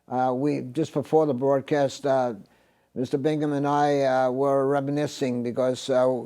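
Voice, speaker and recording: An older man hosts an interview on a TV studio set, talking through a lapel mic. His voice is mellow and dark, and he stops often on filler sounds as he searches for words. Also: medium pitch, smooth. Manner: halting, many filler sounds. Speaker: host.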